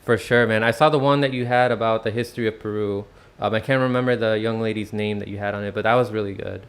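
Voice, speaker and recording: Smooth-voiced low male host. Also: fast talker. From Washington, D.C. area, United States. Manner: relaxed, friendly, many "um"s. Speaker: host of an online channel. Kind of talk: casual interview talk.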